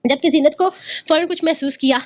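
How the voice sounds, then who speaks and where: A woman narrating a serialized family novel in a brisk reading with occasional restarts. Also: high voice. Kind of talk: storybook narration. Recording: dull lo-fi recording.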